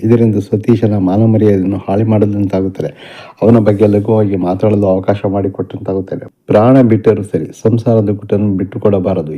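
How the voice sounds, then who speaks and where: Brief: male narrator, deep monotone delivery, dull recording. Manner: steady, even reading. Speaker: audiobook narrator. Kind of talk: scripted narration of an audio novel.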